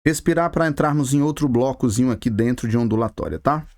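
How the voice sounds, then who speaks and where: A man's voice: mid-range voice, quick pace, a little mellow, no echo, clean studio sound. A Brazilian man teaching a physics video lesson, chatty and talking straight to the viewer with casual slang. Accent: Brazilian Portuguese. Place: classroom with a board.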